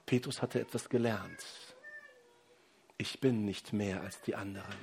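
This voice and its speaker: A middle-aged man, a pastor, preaching a sermon with rising emphasis and pauses, addressing the congregation directly. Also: on the low side, steady tone, gravelly, a little hiss or hum.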